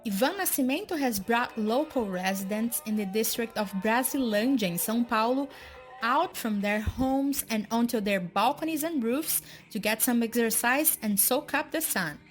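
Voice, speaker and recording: A woman reporter reading a scripted news voice-over in an even, measured way. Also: on the high side, faint music behind, low-quality recording.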